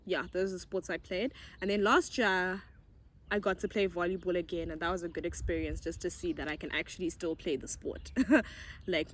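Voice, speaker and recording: A young YouTuber speaks in a lowish voice with a Zimbabwean accent, giggling and bubbly as she answers viewer questions in a casual get-to-know-me chat. A little hiss or hum is audible, and she is a young adult.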